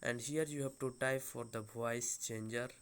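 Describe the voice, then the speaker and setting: A man hosts an unscripted, step-by-step tutorial on a phone app, speaking haltingly and hesitantly and repeating his phrasing. His voice is medium-pitched and steady, with slight background noise.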